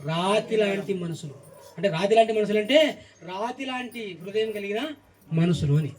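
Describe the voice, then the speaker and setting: A man's voice: high-pitched, moderate pace, distant mic. A man preaching a sermon, emphatic, reeling off repeated lists and firing questions at the congregation.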